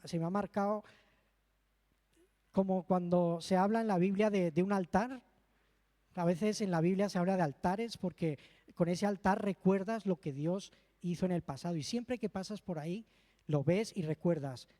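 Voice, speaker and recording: Male preacher, higher voice, earnest testimony, long church-hall reverb. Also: mellow. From Spain. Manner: earnest, heartfelt storytelling with emotional asides. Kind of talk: sermon with personal testimony.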